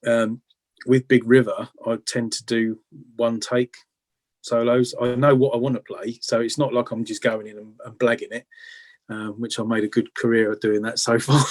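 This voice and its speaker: With a mid-range voice, flat delivery and moderate pace, a British man talks informally about making music as an interviewed guitarist. He frequently tacks tag questions onto his sentences.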